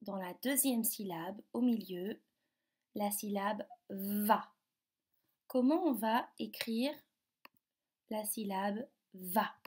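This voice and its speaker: Slow, carefully articulating woman teacher. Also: mid-range voice, a little mellow. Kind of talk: remote phonics lesson for young children. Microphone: device camera.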